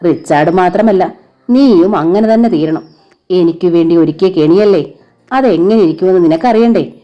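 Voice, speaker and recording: A woman voicing a vengeful young man who shouts accusations at his father's killer. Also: fairly low pitch, moderate pace, lo-fi sound, natural voice. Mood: furious. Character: vengeful young man, furious avenging son.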